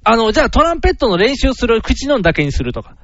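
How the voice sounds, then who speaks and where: High, lively Kansai-accented man. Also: fast, dry recording, dull audio. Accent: Kansai Japanese. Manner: playful, drifts into silly sound effects and voices. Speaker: radio show host. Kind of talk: casual comedy chat.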